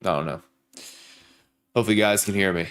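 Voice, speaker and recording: A young man with a deep, smooth, slightly bright voice talks quickly and casually to viewers on his trading livestream. He has a sore throat and sounds stuffed-up and nasal as he greets people by name and hypes up the likes.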